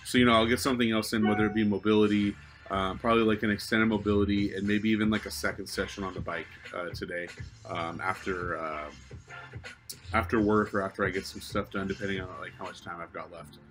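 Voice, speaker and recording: A man's voice: lowish voice, fairly even intonation, fast, a bit bright, faint music behind. A man in his thirties, a fitness coach chatting casually on a livestream from his open home garage, rambling and swearing easily. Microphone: webcam on a table.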